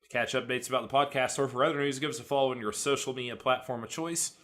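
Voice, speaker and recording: A man's voice: mid-range voice, fairly even intonation, quick pace, a bit bright. A man hosting a podcast in a casual, jokey way, laughing often. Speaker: podcast host.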